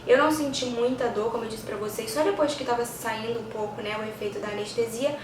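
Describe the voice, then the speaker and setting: A Brazilian vlogger with a fairly high, steady voice chats casually to camera at a quick pace, explaining things and frequently checking in with her viewers. She sounds distant from the mic in an echoey room, with clear background noise.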